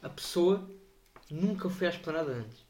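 A man's voice: on the high side, moderate pace, crowd noise. A young man with a European Portuguese accent telling stories animatedly in a casual podcast chat. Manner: animated storytelling. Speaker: podcast co-host.

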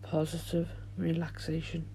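A man leads a guided meditation in a soft, hushed, soothing voice, leaving long pauses as he goes. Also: on the high side, completely flat delivery, a little hiss or hum, poor audio. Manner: soothing, gentle, drawn-out delivery with long pauses. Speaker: podcast host and meditation guide.

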